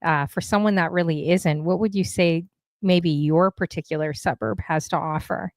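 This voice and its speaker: A woman's voice: on the low side, fairly even intonation, normal speed, no echo, studio quality. A woman from Canada hosting a casual livestream talk show, chatty and upbeat, with lots of fillers.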